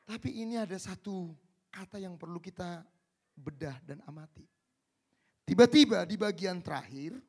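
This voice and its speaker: A male pastor delivers a sermon with a fairly high voice. He talks straight to the congregation, dropping to near-whispers before rising to loud, shouted peaks. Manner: swings from quiet asides to shouted climaxes; addresses the congregation directly. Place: church service.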